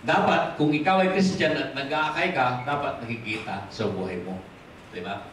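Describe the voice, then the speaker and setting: A man with a Filipino accent preaching a sermon as pastor, switching freely into English, rising to stress points and dropping low and quiet to close them. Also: normal speed, a little hiss or hum. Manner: mixes in English, asks the congregation for amens. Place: church hall. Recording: echoey hall from far off.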